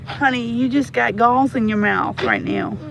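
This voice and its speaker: A woman's voice: fairly high pitch, measured pace, vocal fry, music in the background. A woman with a Southern US accent talking casually, comforting and reassuring someone. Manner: soothing, reassuring. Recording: muffled, noisy phone video in a vehicle.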